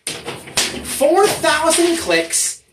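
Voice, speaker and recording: A YouTube host gives mock-serious commentary in an emphatic, official-sounding delivery, pausing for effect, with widely swinging, sing-song pitch at an extremely slow pace. The voice sits far from the mic in a roomy, echoey space, with background noise.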